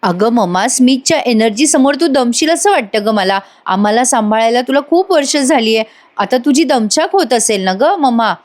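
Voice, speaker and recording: A woman's voice: a little high, expressive, moderate pace, close to an everyday voice. A woman voicing an anxious young mother who pleads with her own mother over a video call. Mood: worried. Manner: worried, pleading.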